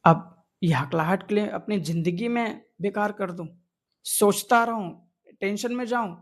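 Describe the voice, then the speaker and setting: Coaching viewers on fluent speaking, this male video creator talks in a high-pitched voice at a slightly slow pace. His earnest, motivational delivery repeats the main points and leans on rhetorical questions.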